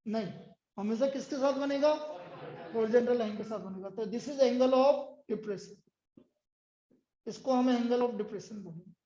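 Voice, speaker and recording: A man's voice: very high voice, unhurried, long pauses, warm tone. A man teaching a class, drilling his students with repeated questions and answers and scolding them sternly. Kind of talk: classroom lecture. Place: indoor classroom. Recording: echoey muffled classroom recording.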